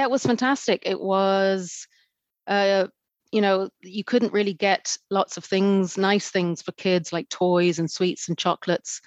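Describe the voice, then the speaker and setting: A woman's voice: fairly low pitch, dry recording, dull audio. A woman from Zambia, a podcast guest chatting casually with many fillers. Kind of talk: casual interview chat.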